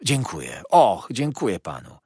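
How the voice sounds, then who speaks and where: A man's voice: fairly low pitch, huge pitch swings, a little slow, a little mellow, breathy edge, no echo, studio quality, exaggerated voice. A man voicing a sly, falsely humble young male clerk who talks in a sugary, wheedling, obsequious way. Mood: fawning.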